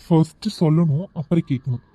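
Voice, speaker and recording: A woman voicing a calm young man who talks softly and teases playfully in an amateur audio drama. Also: sits low, brisk, no room sound. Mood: gentle. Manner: gentle, soft-spoken, playfully teasing. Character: calm, teasing young man, a new friend.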